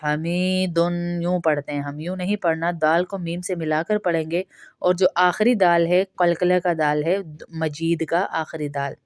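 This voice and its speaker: Woman, Pakistani Urdu accent, pronunciation teacher, brisk explanations, slow drawn-out recitation, smooth voice. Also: on the low side, fairly even intonation, no room sound, studio quality. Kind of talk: step-by-step pronunciation lesson.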